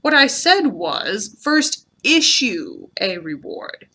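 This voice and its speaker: A woman voicing a wordy, self-important male owl in a storybook reading, explaining things with drawn-out emphasis. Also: fairly high pitch, big pitch swings, pushed and bright, exaggerated voice. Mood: pompous.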